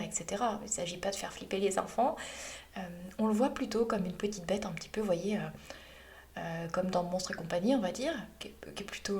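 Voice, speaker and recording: A young woman, a mother, hosting a podcast in a soft-spoken, gentle and calm way. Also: medium pitch. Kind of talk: casual reflective podcast talk.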